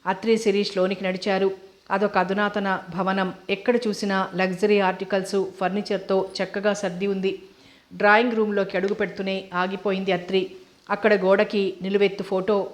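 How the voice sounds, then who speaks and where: A woman's voice: mid-range voice, flat delivery, normal speed. A woman narrating a novel as an audiobook reader, reading steadily. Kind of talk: scripted narration.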